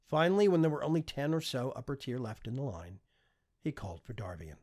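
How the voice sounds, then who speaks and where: Reading a fiction audiobook a little fast, a mid-range male narrator gives the scripted storytelling an expressive delivery.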